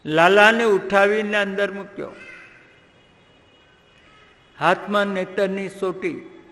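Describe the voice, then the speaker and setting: A man's voice: sits high, steady tone, takes it slowly, fairly bright tone, in a large hall. A man telling a devotional story in a dramatic way, breaking into sung chants. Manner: dramatic, chants verses in song. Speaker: religious storyteller.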